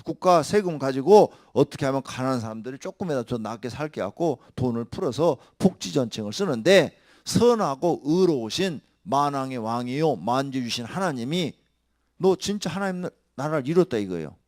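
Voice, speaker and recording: A man preaching a sermon as pastor, jumping between loud, emphatic declarations and hushed whispers while firing rhetorical questions at his listeners. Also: mid-range voice, dry recording, studio quality.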